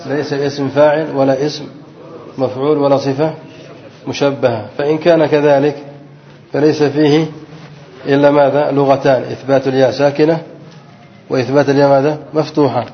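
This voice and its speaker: A man teaching a grammar lesson who keeps pausing to have his students fill in words. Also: medium pitch, little pitch movement. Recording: dull lo-fi recording with long reverb.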